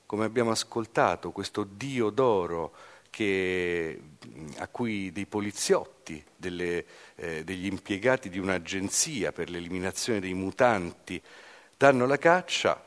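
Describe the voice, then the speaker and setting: A man gives a thoughtful literary commentary, talking very slowly and pausing on frequent hesitations. His voice is fairly low and carries a long hall reverb. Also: expressive.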